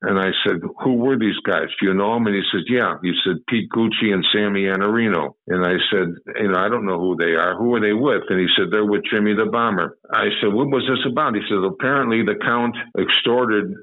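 Guy rambling through an old story, lowish voice, tinny phone-like sound. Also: brisk, hardly any pauses. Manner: rambling, repeats himself, many restarts. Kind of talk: first-person storytelling.

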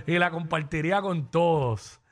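A man's voice: on the high side, unhurried. A man with a Puerto Rican accent co-hosting a morning radio show, chatting casually and joking with callers. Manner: joking, lively, teasing callers. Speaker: radio co-host. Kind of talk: casual radio chat taking listener calls.

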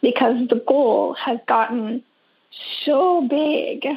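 A woman's voice: a little high, slow, husky. A woman from Canada calling into a radio show over a phone line, asking an earnest, rambling question. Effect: caller heard over a phone line into a radio show. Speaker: caller. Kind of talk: call-in question to a radio host.

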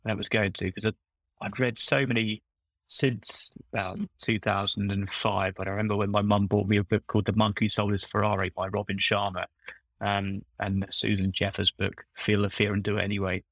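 A man's voice: fairly low pitch, little pitch movement, fairly quick, a bit bright, dry recording, rough recording. A middle-aged man, a former recruiter turned coach, chatting on a podcast in a rambling, self-correcting storytelling manner. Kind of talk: casual podcast conversation.

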